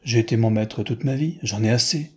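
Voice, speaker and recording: A man voicing a calm, wealthy American traveller in his thirties who speaks plainly and quietly. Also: mid-range voice, brisk, husky, lightly acted. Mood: weary.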